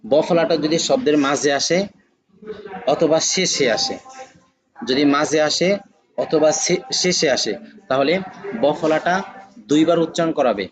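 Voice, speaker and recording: A man teaching a lesson on conjunct letters, patiently repeating each example word slowly. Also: fairly high pitch, crowd noise, low-quality recording. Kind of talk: classroom lesson on Bengali spelling.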